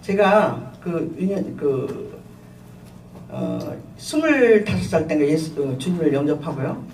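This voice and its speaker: A middle-aged woman pastor giving a sermon with personal testimony, telling her story in an animated way with frequent laughter and fillers. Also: low voice, measured pace. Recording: echoey room, voice from a distance, faint ambient noise.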